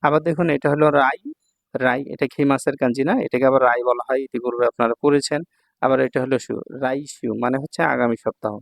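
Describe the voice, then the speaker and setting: A man's voice: mid-range voice, steady tone, fast, creaky, no room sound. A man teaching Japanese kanji in a recorded online lesson, explaining each word patiently and checking in often. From Bangladesh. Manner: patient, repeats words and checks with "thik ache".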